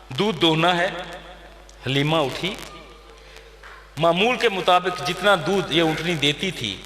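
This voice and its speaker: A man's voice: a little high, pushed and bright. A Pakistani man preaching a dramatic storytelling sermon, repeating phrases for emphasis. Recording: echoey hall with long reverb.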